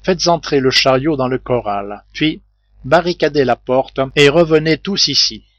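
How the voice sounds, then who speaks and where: A man voicing a calm, decisive male engineer who leads the group with firm commands. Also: a little high, normal speed, no echo, lightly acted. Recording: dull, muffled home recording.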